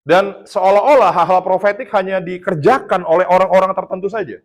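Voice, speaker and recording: A man's voice: high-pitched, brisk. A man from Indonesia preaching a casual sermon, telling a testimony in a chatty storytelling way and laughing at his own jokes. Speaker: pastor.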